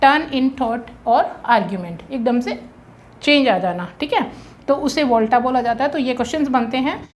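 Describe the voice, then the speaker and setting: This is an Indian woman with a high voice teaching an exam-prep lesson. She explains patiently and pauses often to check that her students follow. When she drills rhyme schemes, she spells them out slowly, letter by letter. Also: slight background noise.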